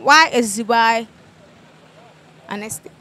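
High-voiced Ghanaian woman hosting street quiz. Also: takes it slowly, a little hiss or hum. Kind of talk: street interview. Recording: loud music over the voice. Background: loud music.

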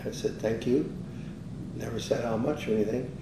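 An older man tells a long story in a loose, rambling way and acts out every quoted exchange. The voice sits a little away from the microphone in a roomy space, with a faint rumble underneath. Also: moderate pace, recorded from a distance. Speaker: interviewee, business owner. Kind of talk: casual storytelling.

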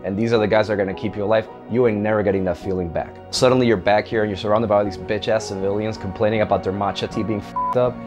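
Blunt, low-voiced veteran man. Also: fairly even intonation, fast, few pauses. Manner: blunt, profane, joking. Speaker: army medic veteran. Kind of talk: candid interview testimony. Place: dark studio. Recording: music underneath.

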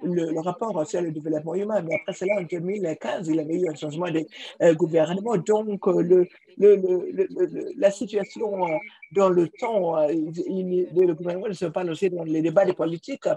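A man giving simultaneous interpretation of a panel discussion, halting, with frequent restarts and repeated words. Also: high-pitched, fairly even intonation, dark tone, breathy edge, low-quality recording. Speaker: conference interpreter.

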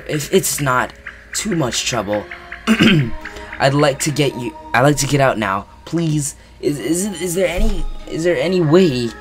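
A man putting on a high, timid paper girl. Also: measured pace, over music, close to an everyday voice. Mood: pleading. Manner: higher, pleading, hesitant. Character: trapped female fairy-like paper girl, timid.

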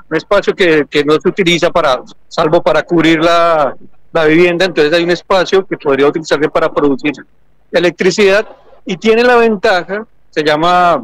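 A high-voiced man with a Colombian accent, a lecturer walking visitors through his display. He speaks patiently and keeps checking that they follow. The sound is dry and close, with little room echo. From Argentina and Colombia. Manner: explanatory, checks understanding with frequent "¿sí?". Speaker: electrical engineering lecturer and researcher. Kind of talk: explaining at an education fair stand. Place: large indoor exhibition hall.

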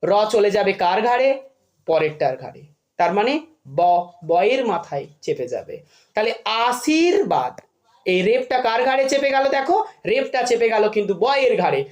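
A woman's voice: on the high side, very animated, normal speed, darkish tone. A woman teaching a children's spelling lesson, asking questions and answering them herself and repeating a catchy rule.

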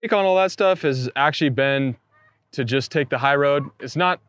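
A man in his thirties, a poultry farmer, explaining his operation in a relaxed, matter-of-fact way during an outdoor farm tour. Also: medium pitch, normal speed. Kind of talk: casual farm tour talk. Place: outdoors on a farm pasture beside a coop.

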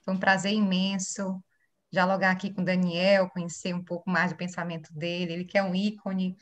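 A woman's voice: lowish voice, little pitch movement, a little fast. A woman speaking on a seminar panel, earnestly explaining her legal views. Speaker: panelist, public law attorney.

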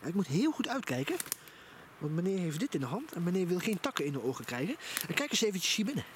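Here a fast-talking man with a high, very animated voice gives upbeat, relaxed vlog commentary. He's outdoors in a forest at night near a campfire, and his handheld camera picks up noisy outdoor sound.

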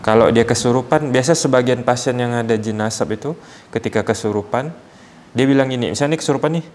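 A man working as a ruqyah healer, calmly explaining to a patient and acting out short quotes as examples. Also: mid-range voice, quick pace, slight background noise.

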